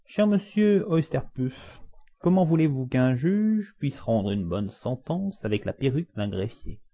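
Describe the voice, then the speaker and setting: A man's voice: medium pitch, lively intonation, a little slow, muffled recording, pitched above the performer's own voice. A man reading aloud and voicing a fat, round, officious male judge in a courtroom scene, with a raised, fussy voice.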